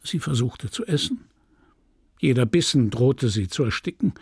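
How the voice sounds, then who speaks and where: Male audiobook narrator, gravelly, husky, dry close recording, dramatic measured delivery. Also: mid-range voice, lively intonation, darkish tone, no room sound. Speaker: audiobook reader.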